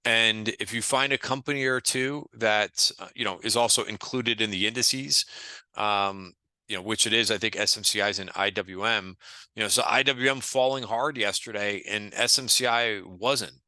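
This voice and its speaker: A man's voice: fairly low pitch, moderate pace, sharp tone, clean tone, dry recording. A man giving a casual daily stock market recap, joking dryly and talking with many fillers and restarts. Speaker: trading group market commentator.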